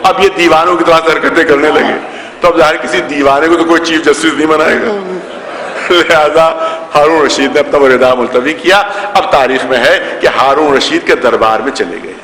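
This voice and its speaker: A man delivers a storytelling sermon as a cleric, repeating key phrases and slipping into the voices of his characters. His voice is bright, forceful and a little high for a man. It rings through a large hall with a long reverb and faint ambience behind. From India, Lucknow. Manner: repeats phrases for emphasis, acts out quoted voices. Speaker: Shia cleric reciting a majlis.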